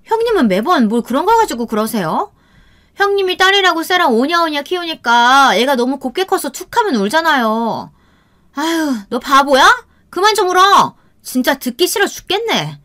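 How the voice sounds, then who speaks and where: A woman voicing a rude, arrogant younger sister-in-law who sneers and scolds in a high, shrill voice. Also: animated, a little fast, a bit bright. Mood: shrill scolding.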